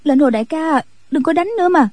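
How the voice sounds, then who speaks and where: A woman voicing a timid, gentle young nun who pleads anxiously in an audiobook. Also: lively intonation, no echo. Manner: higher, pleading, rushed voice.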